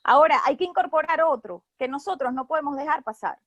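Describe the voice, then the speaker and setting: High-voiced woman with a Venezuelan Caribbean accent. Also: lively intonation, fast, no echo. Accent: Venezuelan Caribbean Spanish. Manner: didactic, checks in with short tag questions. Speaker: expert speaker on geopolitics. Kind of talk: explanatory talk, semi-formal.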